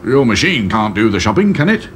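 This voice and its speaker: A wary middle-aged factory boss voiced by a man in a children's storybook. He speaks haltingly, hesitating and clearing his throat before he commits. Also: medium pitch, big pitch swings, slight background noise, natural voice.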